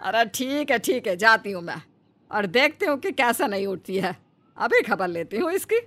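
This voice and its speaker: A woman's voice: fairly high pitch, sing-song, normal speed, a bit bright. A woman voicing a stern, bossy middle-aged mother-in-law who scolds and gives orders in a cartoon story. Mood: impatient. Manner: scolding, commanding. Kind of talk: Hindi cartoon story voice acting.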